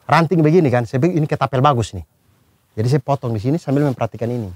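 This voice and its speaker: A man's voice: medium pitch, rapid-fire, dry recording. A man telling a childhood story in casual chat with friends, acting out the scene as he goes. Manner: animated storyteller, acts out scenes with gestures.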